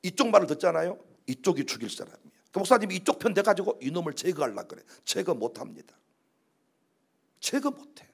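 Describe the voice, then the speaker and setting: Male pastor, sermon delivery, gravelly voice with wildly lively pitch, dramatic loud-soft contrasts. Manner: swings from loud emphatic declarations to low quiet asides; acts out quoted prayers and texts in slow dramatic voices.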